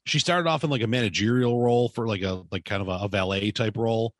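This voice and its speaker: A man's voice: fairly low pitch, fast talker, dry recording. A man chatting casually on a podcast, rambling and joking crudely.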